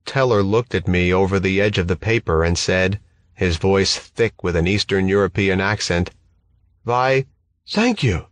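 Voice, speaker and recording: A man reading a first-person audiobook in a steady, measured way. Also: lowish voice, no room sound. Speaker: audiobook narrator.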